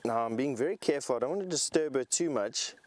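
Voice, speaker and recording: A man presenting a live safari as a guide, explaining animals to viewers in an enthusiastic, unhurried way. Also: mid-range voice, lively intonation, darkish tone.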